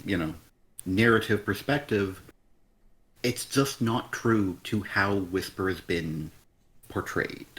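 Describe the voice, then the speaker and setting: A man's voice: sits low, takes it slowly, a bit bright. A man co-hosting a casual comic review chat, blunt and exasperated, swearing often. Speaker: podcast co-host.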